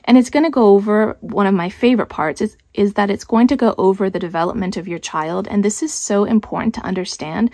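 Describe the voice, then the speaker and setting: A woman talks through a homeschooling curriculum in easy, conversational explanation. Her voice sits at an ordinary middle pitch. The recording is close and dry, with no room sound. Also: brisk, hardly any pauses, a little mellow, dry recording. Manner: conversational, thinks aloud with small restarts. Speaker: homeschool channel host. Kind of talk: casual explanatory talk.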